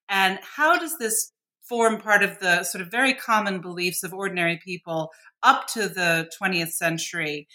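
A woman hosts a podcast interview with a bright, clear voice. She reads her introductions formally and asks long, careful questions. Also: on the low side. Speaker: podcast host.

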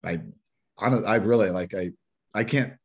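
Husky-voiced man rambling about sports. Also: on the low side, lo-fi sound. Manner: rambling, halting with many restarts and laughs. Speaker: podcast co-host. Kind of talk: casual sports chat.

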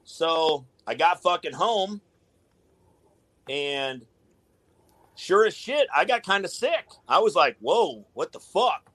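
Laid-back swearing man, slightly high voice. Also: expressive, slow, pauses often, a bit bright, no echo. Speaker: guest, tattoo artist. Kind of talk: casual podcast chat.

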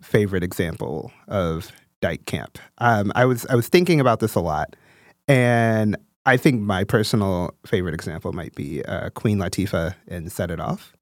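A man hosts a podcast interview in a relaxed, rambling way. His voice sits on the low side. He leans on fillers as he works toward his questions. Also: moderate pace, no room sound. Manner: casual, filler-heavy questions. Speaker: podcast host.

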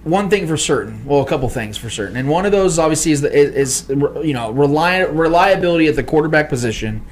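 Man, podcast host, hyped, emphatic, a bit high-pitched, sports chat. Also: animated, quick pace, slight background noise.

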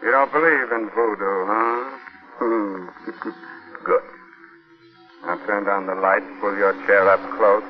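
Low-voiced sinister old radio announcer played by a man. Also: steady tone, unhurried, natural voice. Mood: ominous, mocking. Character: sinister, genial horror show host. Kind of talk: 1940s radio horror hosting. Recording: muffled old radio broadcast, music behind.

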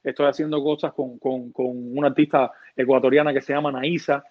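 A man's voice: mid-range voice, level tone, fairly quick. A man, a music producer talking casually in an interview, rambling and restarting his words with many fillers. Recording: dull lo-fi sound.

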